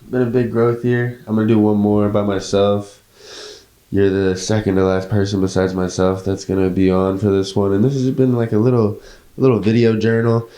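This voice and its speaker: A young man hosts a loose, casual podcast chat in a low, mellow voice. He swears freely and laughs easily, and the room sounds roomy and echoey. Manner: laid-back, swears casually, laughs often. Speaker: podcast host.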